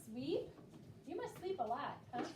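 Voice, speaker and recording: A woman's high, sing-song voice, slightly dark in tone, moves at a measured pace. As a primary school teacher, she leads a discussion with young children, cheering them on and repeating what they answer. Echo, a distant microphone, and audible background noise mark the recording.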